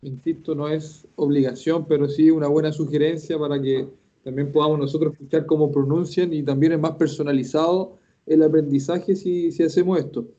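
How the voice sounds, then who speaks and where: A man runs a casual online class, talking in a chatty, encouraging way and often repeating himself. His voice sits a little high and sounds mellow. The call audio is dull and lo-fi. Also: level tone, fairly quick. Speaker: host and Japanese teacher.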